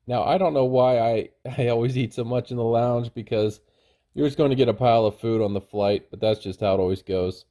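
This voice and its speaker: A man narrating a travel review casually, in a plain, low-key, informal way. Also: fairly even intonation, brisk, warm tone. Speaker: travel vlogger.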